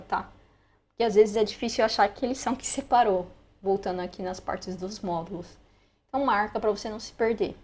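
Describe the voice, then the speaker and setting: A woman's voice: mid-range voice, darkish tone. A young woman with a Brazilian Portuguese accent, chatting casually as she walks through a screen-recorded lesson with frequent asides. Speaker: language learner sharing study tips.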